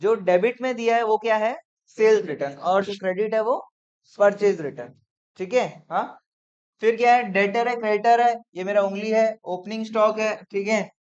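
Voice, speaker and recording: A man teaching accounts in a classroom lecture, brisk and coaxing, often checking whether students follow. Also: sits high. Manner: brisk, coaxing, peppered with "theek hai?". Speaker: commerce teacher. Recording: dull lo-fi classroom recording.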